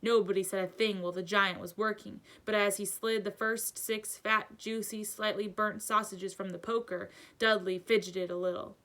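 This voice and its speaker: A woman reads a children's book aloud in the manner of a teacher. Her narration is expressive, in a bright, forceful voice of middling pitch. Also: moderate pace, few pauses.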